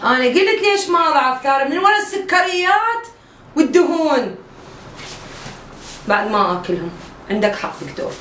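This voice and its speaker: Indignant woman patient played by the creator, Iraqi accent, argumentative, higher voice, echoey room heard from afar. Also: sing-song, fairly quick, long pauses, fairly bright tone, far from the mic, slight background noise. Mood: eager. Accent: Iraqi Arabic. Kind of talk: comedy sketch acting.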